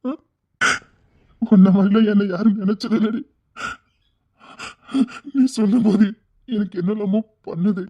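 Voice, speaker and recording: A woman acting as a lonely, tender-hearted man in a Tirunelveli Tamil drama, tearful and pleading, often hushed. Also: mid-range voice, steady tone, a little slow, long pauses, lo-fi sound. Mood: moved.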